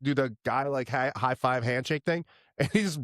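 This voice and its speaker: A man's voice: mid-range voice, moderate pace, a bit bright, dry recording. A man co-hosting a podcast in casual chat, grumbling in a self-deprecating way, close on a studio microphone. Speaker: podcast co-host.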